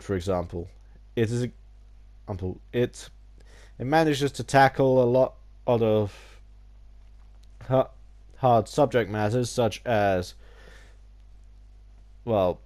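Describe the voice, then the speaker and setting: A gaming YouTuber with a cold talks casually about games in a video essay, his mid-range voice a little mellow and slightly nasal. He opens with a theatrical greeting, then rambles with many restarts.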